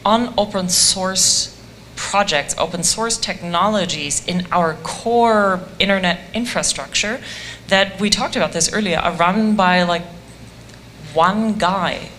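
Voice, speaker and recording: A woman's voice: fairly low pitch, takes it slowly, a bit bright, a little hiss or hum. A woman speaking enthusiastically on a conference panel about a community-driven voice project, with a self-deprecating humor.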